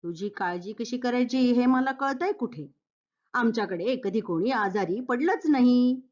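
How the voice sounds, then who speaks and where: A woman's voice: on the high side, unhurried, dull audio, natural voice. A woman voicing a hurt, defiant young daughter-in-law who answers back sharply, in a Marathi play reading. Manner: sharp retorts.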